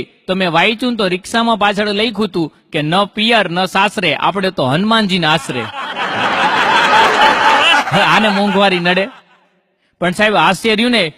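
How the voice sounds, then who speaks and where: A man's voice: sits high, bright, forceful tone, long reverb tail. A man doing folk stand-up comedy, telling stories with punchlines and rhyming couplets.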